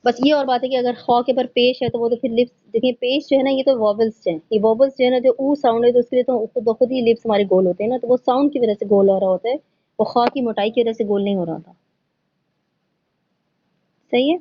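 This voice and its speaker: Patient and methodical, a woman tajweed teacher leads an online Quran recitation lesson, slipping English words into her explanations. Her voice is fairly high with fairly even intonation, and the recording is muffled.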